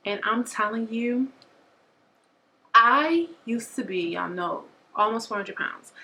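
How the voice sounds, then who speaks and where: A young woman talks candidly to her viewers in a bright, forceful voice. She sounds a little short of breath as she chats. A faint hiss of noise sits under the recording. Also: medium pitch. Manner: chatty, candid, addresses viewers as y'all. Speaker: vlogger. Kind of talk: casual chat to camera.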